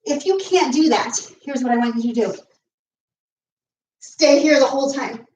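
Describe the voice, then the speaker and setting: A woman's voice: high voice, moderate pace, darkish tone, lo-fi sound. A woman fitness coach leading a live home workout, out of breath as she exercises along and counts reps aloud. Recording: echoey room, mic at a distance.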